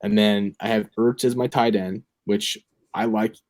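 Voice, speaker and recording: Speaking at a measured pace, this fantasy football podcast co-host has a fairly low, slightly mellow voice with fairly even intonation. He's young and chats casually, musing aloud with many fillers.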